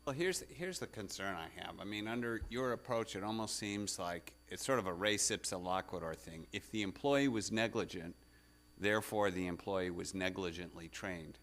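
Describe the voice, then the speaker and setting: A male appellate judge with a deep voice questions a lawyer from the bench. His delivery is halting and probing, with a skeptical edge. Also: fairly bright tone. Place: courtroom.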